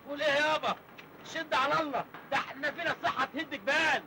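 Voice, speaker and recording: A man's voice: very high voice, heavy background noise. An actor with an Egyptian accent playing a naive, hungry young village man who jokes cheekily with his uncle. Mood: cheeky. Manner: cheeky, joking, fast-talking. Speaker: comic lead in an old film.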